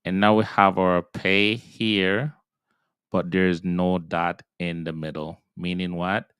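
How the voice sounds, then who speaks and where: A man's voice: deep voice, flat delivery, slow, a bit bright, clean tone, no echo, studio quality. A man teaching Hebrew reading in a patient, step-by-step pronunciation lesson, sounding out syllables and repeating them.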